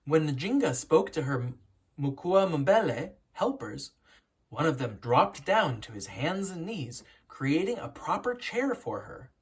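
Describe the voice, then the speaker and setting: Reading a picture book for children, an educator uses a slightly husky, mid-range voice. The telling is instructive, with carefully placed emphasis.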